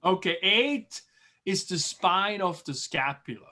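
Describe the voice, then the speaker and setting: A man from Switzerland, a biology teacher, runs a class review over a video call. His voice sits a little high for a man. He talks in a chatty, encouraging way and says terms slowly and more than once. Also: expressive, pushed and bright.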